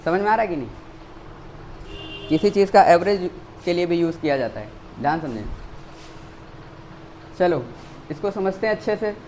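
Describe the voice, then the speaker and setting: High-voiced Indian man teaching maths. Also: expressive, a little slow, long pauses, darkish tone, slight background noise, rough recording. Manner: asks the class questions and answers them himself; repeats key words for emphasis. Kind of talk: classroom maths lecture.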